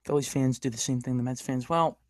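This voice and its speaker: A man's voice: mid-range voice, steady tone, brisk, dry recording. A man hosting a casual podcast, rambling and stammering as he rants about sports rivals. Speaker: podcast host. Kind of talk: casual live-stream chat.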